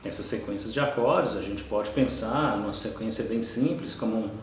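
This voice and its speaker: A Brazilian man with a Brazilian Portuguese accent teaching an online course, who keeps checking in with quick "ok?" and "tá?" asides. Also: on the low side, recorded from a distance, loud music behind the voice. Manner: explanatory, frequent "tá?" and "ok?" checks. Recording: echoey room, voice from off-mic.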